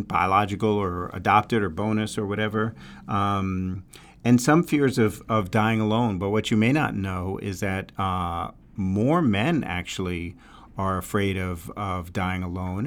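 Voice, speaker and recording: Low-voiced New York man, halting delivery. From New York, USA. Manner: halting, thinking aloud with frequent pauses. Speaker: podcast host giving dating advice to women. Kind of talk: casual solo podcast talk.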